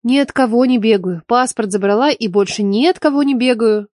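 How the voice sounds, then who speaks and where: A sharp-tongued young woman teacher, put on by a male audiobook reader, answering in curt, cool, sarcastic lines. The voice sits well above the reader's own, dry and close to the mic. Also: very high-pitched, fairly quick, no echo, pitched above the performer's own voice. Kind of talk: audiobook character voice.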